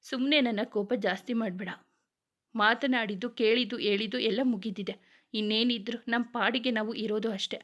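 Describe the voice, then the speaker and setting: A woman's voice: on the high side, steady tone, normal speed, fairly bright tone, close to an everyday voice. A curt, wounded young husband in a storybook romance, as a woman narrator reads his lines. He speaks in a withdrawn way. The recording is dull and lo-fi. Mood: cold. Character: young man, hurt and cold husband.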